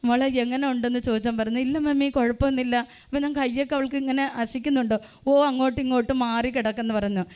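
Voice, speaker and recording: An older woman in her sixties gives a church testimony in a plain storytelling way, pausing on "um" now and then. Her voice sits fairly high and comes across smooth and clear. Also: steady tone, darkish tone. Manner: plain storytelling, often pausing on "um" and retelling her own prayers. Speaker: parishioner giving a testimony.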